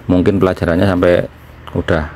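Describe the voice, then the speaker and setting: Low-voiced man chatting while eating. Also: flat delivery, a little mellow, slight background noise. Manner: talking while eating, with pauses. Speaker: vlogger, former trainee in Japan. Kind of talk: casual explanatory chat.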